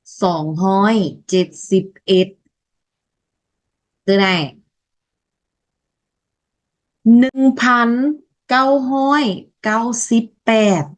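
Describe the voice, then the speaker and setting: A woman teacher giving a language lesson, saying each word slowly and twice so students can repeat it. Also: on the high side. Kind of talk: slow language lesson, repeating words for practice.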